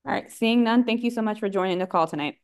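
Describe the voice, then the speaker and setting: Woman, meeting moderator, brisk, polite. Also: medium pitch, smooth. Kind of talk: chairing a public meeting.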